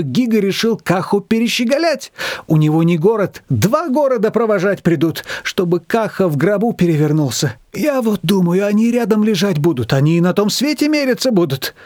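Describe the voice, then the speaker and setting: A fretful mother-in-law pours out her worries in a high, swooping voice, as a man puts her on. She rambles and exclaims with a lot of emotion. The sound is close and dry. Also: darkish tone, no echo. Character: fretful, dramatic older woman, a mother-in-law.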